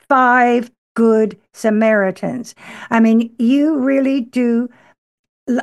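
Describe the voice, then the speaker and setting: A woman's voice: a little high, a little mellow. A woman hosting a poetry interview program, emphatic and familiar in her way of talking. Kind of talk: conversational interviewing and program announcements.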